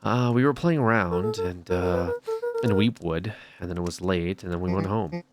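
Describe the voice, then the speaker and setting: A man's voice: low voice, moderate pace, over loud music, natural voice. A man voicing an anxious, evasive young boy in a mystery game, hesitant and full of questions. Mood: nervous.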